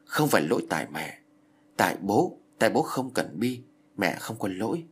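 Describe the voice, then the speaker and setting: A man's voice: lowish voice, sing-song, normal speed, fairly bright tone, breathy edge, heavily acted. A man voicing a small, clingy, vengeful ghost girl who pleads and sobs, in a storybook reading. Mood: resentful. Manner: sobbing, pleading childlike talk.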